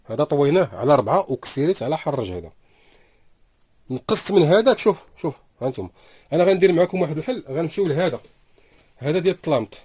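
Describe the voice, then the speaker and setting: A man with a Moroccan Arabic accent demonstrates a sewing machine in his workshop, chatting to viewers while he sews and repeating "here you go brothers". Recorded on a phone camera held close as he works, his voice is a little high, mellow and breathy-edged, with big pitch swings and a rapid-fire delivery.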